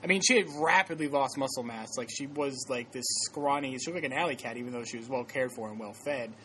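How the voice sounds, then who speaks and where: A man's voice: mid-range voice, fast, pushed and bright, slight background noise. A man hosting a casual podcast, telling stories in a rambling way with many fillers and restarts, often laughing. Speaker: podcast host.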